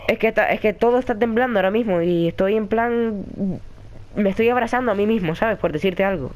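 A man with a Spain Spanish accent, commentating a horror game and chatting with viewers in a jumpy, excitable way. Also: high-pitched, brisk. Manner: jumpy, excitable, yelps and shrieks when startled; chatty, talks to viewers and a friend in the room. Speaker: gaming commentator. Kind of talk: horror let's-play commentary.

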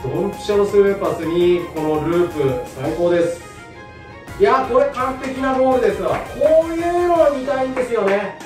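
A man with a lively, swooping delivery hosts casual football commentary, exclaiming excitedly at plays. He is recorded from a distance in a small, heavily echoing room, with faint music behind him. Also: high-pitched, a little fast. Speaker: host of a football fan channel. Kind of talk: casual match-watching commentary and chat. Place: small indoor room with padded bench seating.

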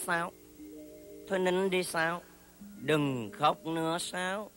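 A man's voice: on the high side, slow, a bit bright. An actor playing a sly, flirtatious sorcerer in a comic stage play, coaxing, chuckling and slipping up as he talks. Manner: coaxing, chuckling, slips of the tongue, breaks into song. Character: sly flirtatious male sorcerer, bumbling and smooth-talking. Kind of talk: Vietnamese comic stage play with sung verses. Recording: stage recording with music behind.

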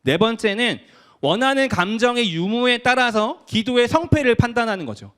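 Young male youth pastor, casual sermon, bright and lively delivery. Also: very high-pitched, moderate pace, clear, resonant tone. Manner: conversational, acts out quoted voices of teens.

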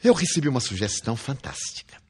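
A man's voice: medium pitch, fast, slightly rough. An older man from Brazil with a Brazilian Portuguese accent, giving a spiritual lecture full of personal anecdotes and playful humor, acting out the dialogue. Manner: lively storyteller, acts out dialogue, playful humor.

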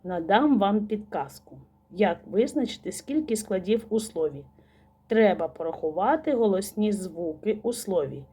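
A woman teacher giving a slow, patient recorded lesson to young children, asking questions and praising answers. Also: mid-range voice, lively intonation, dark tone, slightly rough.

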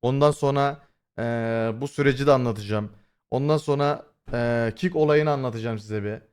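Talking to chat directly on a live stream, a young man rambles casually, swears without restraint, and leans on lots of filler words. The voice is mid-range, a bit mellow, clear and resonant, at a normal pace. Lately it's been hoarse.

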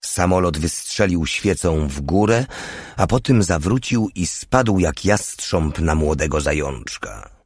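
A man narrating a war novel audiobook in an even, measured reading. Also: low-pitched, no room sound, studio quality. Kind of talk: scripted narration.

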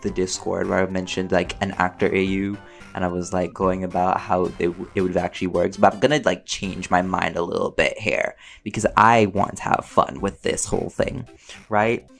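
Music sits beneath a man's low, gravelly, slightly bright voice that barely moves in pitch, delivered at a normal speed. He's a voice actor and audio creator answering fans in a loose, playful Q&A, chatting and thinking aloud as he goes.

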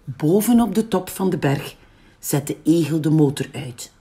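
A woman with a Flemish accent reading a picture book aloud for young children. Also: deep voice. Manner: slow, very lively storytelling. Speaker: library storyteller.

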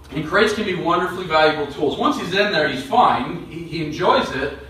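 A male dog trainer calmly explaining and demonstrating training steps, talking to viewers and the dog. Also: fairly high pitch, normal speed. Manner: calm, explanatory, coaxing commands to a dog. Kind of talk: instructional demonstration. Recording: very echoey room, distant mic.

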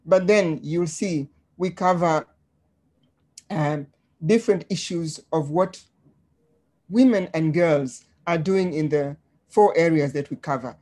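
Presenting slides in a webinar via video call, a woman from Tanzania speaks at a measured pace in a low, mellow voice, often saying "um."

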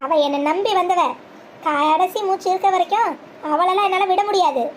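A man's voice: extremely high pitch, normal speed, slight background noise. A performer voicing a stubborn young husband who stands by his wife, speaking firmly in a scripted family drama. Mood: defiant. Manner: firm, defiant.

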